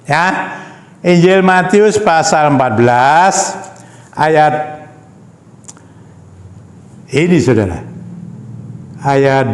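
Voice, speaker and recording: A man with a fairly high voice delivers a sermon, moving between scripture reading and emphatic commentary. He keeps calling on his listeners directly and asking them questions. The recording carries the echoey sound of a church hall. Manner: addresses the congregation as "Saudara" and asks rhetorical questions; reads verses aloud, then comments in an emphatic, conversational way. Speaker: preacher.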